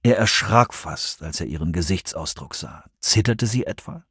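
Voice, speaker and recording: A man narrating a novel audiobook in measured, dramatic storytelling. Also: low-pitched, expressive, a bit bright, husky, no room sound, studio quality. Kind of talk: scripted narration.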